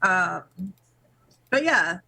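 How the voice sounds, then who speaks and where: A woman's voice: lowish voice, very animated, drawn-out words, vocal fry, sharp tone, poor audio. A woman playing a tabletop game, chatting casually and reading out her character's rules. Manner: chatty, lots of fillers, reads rules aloud. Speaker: player.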